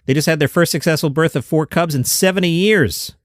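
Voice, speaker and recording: A man's voice: fairly high pitch, fairly quick, no room sound, studio quality. A man hosting a good news roundup, reading stories with chatty, jokey asides. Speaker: host.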